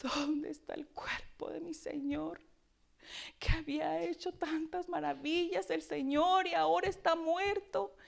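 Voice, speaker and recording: Grieving, tearful woman begging to know where the body is, high and half-whispered, put on by a woman preacher. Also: unhurried. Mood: desperate grief. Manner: pleading, tearful, partly whispered. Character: grieving weeping woman at an empty tomb.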